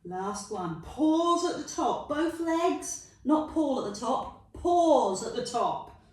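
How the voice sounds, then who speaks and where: A middle-aged woman with a London accent leads a Pilates workout in a high, sing-song, slow and slightly mellow voice. She counts reps, cheers on the viewer and jokes, her voice echoing from a distance.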